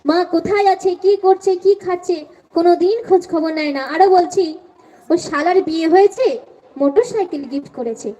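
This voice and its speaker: A woman folk singer arguing to an audience in a live stage debate, speaking and then singing slow verses. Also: extremely high pitch, warm tone. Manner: declaiming to the audience, slipping into slow sung verses. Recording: distant, dull live stage recording.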